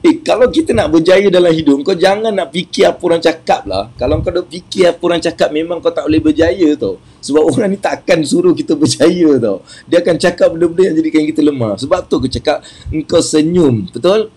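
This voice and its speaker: A man's voice: a little high, a little fast, warm tone, slightly rough. A Malaysian man with a Malaysian Malay accent giving a playful motivational talk, often asking the listeners questions and laughing at his own jokes. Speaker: motivational speaker.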